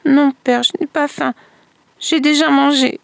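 A frightened little girl calls out in a high, pleading voice, put on by a woman telling a folktale. The delivery is slow and deliberate, with a gravelly edge, and the sound is close and dry. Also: steady tone, no room sound. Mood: refusing. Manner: high, urgent calling and pleading.

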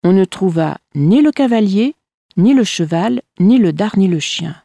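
A woman reading folk tales aloud in a measured, expressive storytelling manner. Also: mid-range voice, vocal fry, no room sound, clean studio sound.

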